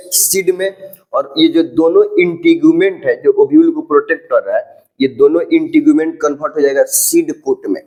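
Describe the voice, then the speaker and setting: A man's voice: a little high, a little mellow, low-quality recording. A man teaching a biology lesson in mixed with English terms, explaining step by step and often asking whether the class is following. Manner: keeps checking if students follow. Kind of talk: classroom lecture at a board.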